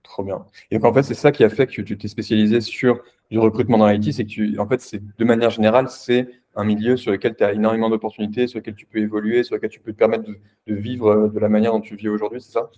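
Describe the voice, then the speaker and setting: A man hosting a casual interview, asking questions in a halting way with many restarts. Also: on the low side, level tone, warm tone. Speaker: interviewer, host.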